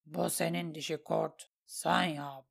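A woman voicing a wounded, hulking male warrior who speaks low, curt and scornful. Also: fairly even intonation, takes it slowly, creaky, heavily acted. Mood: gruff.

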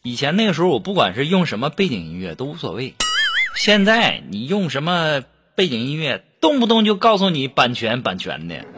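A man hosting a casual show, telling joke stories in an animated way, with exclamations. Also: a little high, fairly quick, background noise. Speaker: host reading joke submissions. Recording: steady background music under voice. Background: background music.

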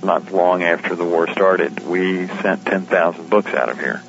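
The interviewee here is the publisher and editor of a shortwave radio guide, speaking on radio in a conversational, explanatory way with casual asides. He has a low, fairly bright voice and a slightly slow pace, heard over a dull, lo-fi line.

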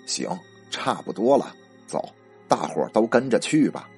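A man voicing a stern male village exorcist who gives curt, firm orders in a low, husky voice. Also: very animated, normal speed, a little mellow, soft background music, full character voice. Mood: stern commanding.

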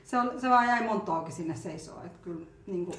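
A woman's voice: on the low side, a bit bright. Rambling woman full of fillers. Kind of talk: casual chat. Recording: echoey room.

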